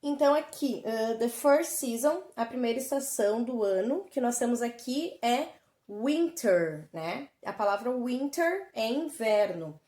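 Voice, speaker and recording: A woman with a Brazilian Portuguese accent, teaching an English lesson remotely and explaining words slowly and clearly to children. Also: fairly high pitch, animated, warm tone, reverberant.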